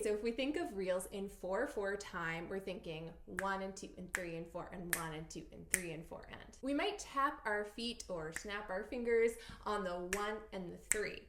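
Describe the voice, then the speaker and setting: A woman's voice: medium pitch, background noise. Woman teaching fiddle in an echoey room. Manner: clear, explanatory, counts beats aloud. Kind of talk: instructional tutorial.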